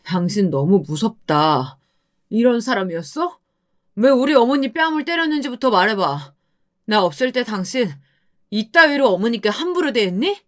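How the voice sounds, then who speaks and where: A woman's voice: a little high, sing-song, moderate pace, voice pushed up. A woman voicing an angry husband confronting his wife. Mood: enraged.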